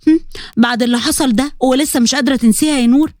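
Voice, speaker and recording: A woman's voice: high-pitched, very fast, a little mellow, dry recording, lightly acted. A woman voicing a caring middle-aged wife and mother with an Egyptian accent. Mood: coaxing. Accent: Egyptian Arabic. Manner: coaxing, concerned.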